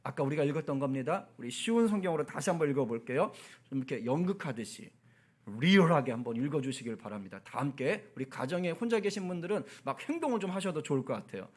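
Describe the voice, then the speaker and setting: A male pastor preaching a sermon in a lively, conversational way, with asides to the congregation. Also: a little high, quick pace.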